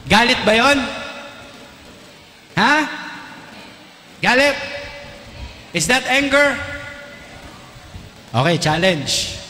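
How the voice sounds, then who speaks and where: Teasing Filipino priest in an echoey church. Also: male voice, extremely high pitch, very animated, pushed and bright. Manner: teasing, quizzes the crowd with rapid questions. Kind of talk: lively homily to a congregation. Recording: echoey church with long reverb, faint music.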